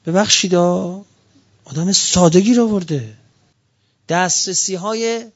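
A man's voice: high-pitched, dull audio. A man giving an impassioned speech, firing off heated rhetorical questions one after another. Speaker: speaker giving a political talk.

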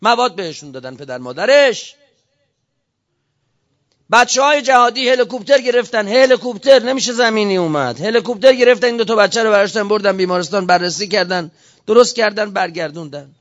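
A man preaching an impassioned sermon to a religious gathering, fervent and at times rising to shouts. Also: sits high, expressive, dull audio.

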